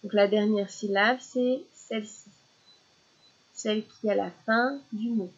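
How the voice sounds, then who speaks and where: A woman teaching young children syllables in a slow, patient lesson, repeating each word clearly. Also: mid-range voice, steady tone, lo-fi sound.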